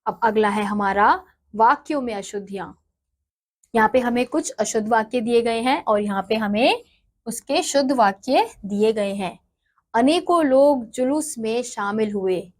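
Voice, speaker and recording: A woman teaching a lesson to children, explaining slowly and repeating each example word. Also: a little high, lively intonation. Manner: slow, explanatory, repeats words for dictation. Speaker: Hindi teacher.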